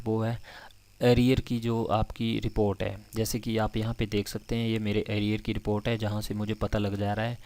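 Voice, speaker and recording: A young adult man from India with a Himachali Hindi accent, walking steadily through tax filing steps in a tutorial. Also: lowish voice. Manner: steady, methodical walkthrough of figures. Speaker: channel host explaining tax filing. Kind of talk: screen-recorded tutorial explanation.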